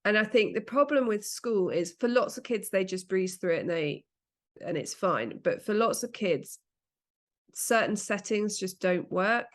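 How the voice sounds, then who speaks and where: A woman's voice: mid-range voice, expressive, measured pace. Woman, podcast co-host; chatty and rambling, restarts her sentences. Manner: chatty, rambling, self-correcting. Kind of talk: casual chat.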